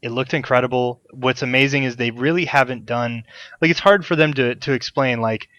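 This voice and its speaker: A man's voice: mid-range voice, fairly quick, fairly bright tone, lo-fi sound. A man hosting a podcast in casual chat over a call, enthusiastic and rambling, swearing freely. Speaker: podcast host. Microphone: desk mic on a call.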